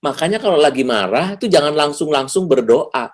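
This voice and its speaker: A man giving a lively seminar talk over a video call, acting out little dialogues with sudden jumps in pitch. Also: a little fast. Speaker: seminar speaker.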